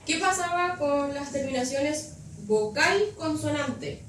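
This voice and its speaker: A woman teaches a grammar lesson in a high voice, stopping often to check that her students follow. She sounds distant in a very echoey classroom with noise around her. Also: expressive, slow pace, a bit bright. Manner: patient, checks understanding with frequent questions. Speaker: English teacher. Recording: echoey classroom from far off, noisy.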